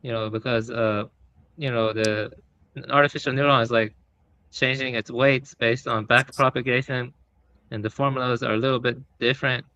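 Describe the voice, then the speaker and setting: Bright-voiced man explaining tech. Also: mid-range voice, steady tone, normal speed, lo-fi sound. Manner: explanatory, hedging with fillers. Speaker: podcast participant. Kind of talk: casual technical chat.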